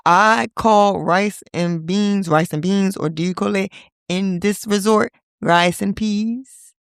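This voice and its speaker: A woman in her thirties hosting a casual solo podcast, talking in a playful, chatty way with teasing asides and sudden high-pitched exclamations. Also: takes it slowly, clean tone, dry recording, studio quality. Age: 30s. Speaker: podcast host.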